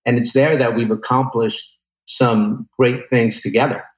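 A man's voice: medium pitch, level tone, unhurried. A man in his forties speaking as an interview guest, telling motivational personal stories in an earnest, emphatic, instructive way. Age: 40s. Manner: earnest, emphatic, instructive, with rhetorical check-ins. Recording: roomy, echoing sound.

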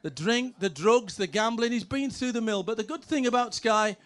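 Brief: middle-aged ex-player man, high voice, brash comic yarns. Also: normal speed, fairly bright tone. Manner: brash, punchy, sweary punchlines. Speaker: former footballer telling stories. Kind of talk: comic anecdotes, stand-up storytelling.

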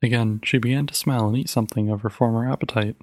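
A man narrating a short story as an audiobook reading, in a steady, even storytelling manner. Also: mid-range voice, fast talker, dry recording. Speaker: podcast narrator.

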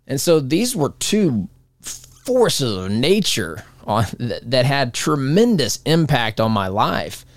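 A man in his forties hosts a talk show, wandering through his thoughts in a loose, conversational way and often restarting sentences. His voice sits in an ordinary middle pitch. It is recorded close and dry, with no room sound. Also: very animated, takes it slowly, dry recording. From United States. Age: 40s. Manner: rambling, conversational, many restarts. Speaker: radio talk show host. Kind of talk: casual monologue.

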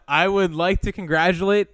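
A man's voice: high voice, fairly even intonation, unhurried, fairly bright tone, no echo. A man co-hosting a casual sports podcast, teasing and playful with his co-host.

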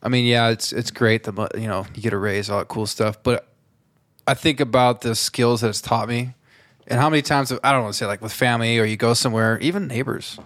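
A man's voice: mid-range voice, steady tone, brisk, fairly bright tone, no echo, clean studio sound. A man hosting a podcast, chatting casually in a loose, rambling way with casual swearing. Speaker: podcast host. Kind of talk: casual chat.

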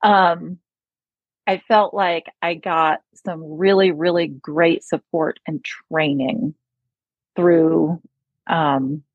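Husky chatty woman, upstate New York accent. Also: sits low, fairly even intonation, very slow, no echo, narrow, tinny audio. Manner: chatty, laughs often, many fillers. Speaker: speech therapist, guest. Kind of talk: conversational interview.

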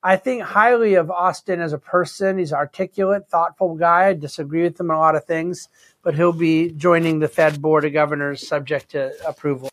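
A man hosting an unscripted financial commentary, conversational, with deliberately stressed phrases. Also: a little high, fairly even intonation. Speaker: host and market commentator.

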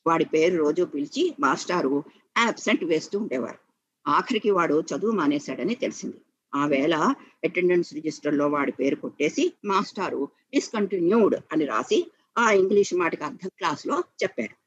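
A man narrating a story slowly and with feeling, in a muffled lo-fi recording. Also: fairly high pitch, lively intonation, a bit bright, slightly rough, no room sound. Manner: slow and measured, with emotional emphasis.

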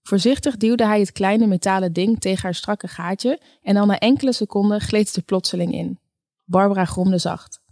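Female audiobook narrator, calm and measured, mid-pitched, dry close recording. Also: no echo. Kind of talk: scripted narration.

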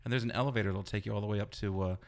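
A man's voice: lowish voice, rapid-fire, vocal fry. A man, a blogger being interviewed, telling a story in a casual, rambling way and filling it with "you know". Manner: rambling, animated retelling full of "you know". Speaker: blogger guest.

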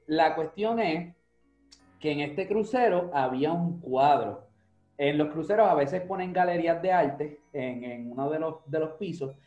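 A man telling a story in a relaxed way on a casual podcast, dropping in English words. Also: fairly high pitch, measured pace. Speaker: podcast co-host. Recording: roomy, dull sound with faint music.

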